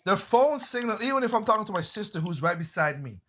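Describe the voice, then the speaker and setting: A man in a casual group chat, telling stories in an animated way, swearing freely and often restarting his phrases. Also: high-pitched, quick pace, slight background noise. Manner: animated storyteller, swears freely, exclaims loudly.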